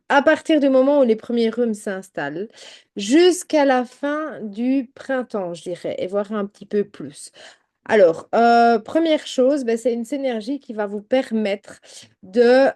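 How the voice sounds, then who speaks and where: A woman talks casually to her viewers, presenting a product. She speaks directly to them and fills her talk with little fillers. Her voice sits a bit high but sounds mellow and soft. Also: a little slow. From Belgium. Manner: chatty, addresses viewers directly with many fillers. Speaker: home-products sales adviser.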